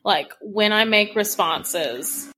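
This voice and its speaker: A woman of average pitch speaks as a co-host in a relaxed podcast conversation. She gives advice bluntly and emphatically, in loose slangy phrasing. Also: slow pace, a little hiss or hum, poor audio. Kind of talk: casual unscripted podcast chat.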